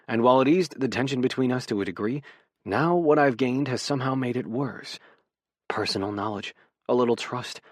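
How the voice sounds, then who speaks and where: A man narrates a romance audiobook in the first person, with an intimate, measured delivery. His voice is mid-pitched for a man. The recording is dry and close, from a studio booth. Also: dry recording.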